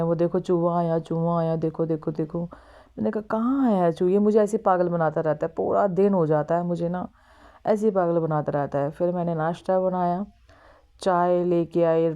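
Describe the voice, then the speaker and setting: A woman's voice: lowish voice, mellow, highs cut off. A young woman, a mother, narrating her morning at home in a chatty, exclaiming vlog style, talking straight to her viewers. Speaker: vlogger and mother. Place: at home, moving between rooms and outside.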